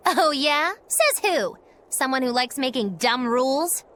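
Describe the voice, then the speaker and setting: A woman voices a mischievous, flippant young witch in a video game cutscene, teasing, theatrical and sing-song. Her voice is high, expressive, slow, a bit bright and heavily acted.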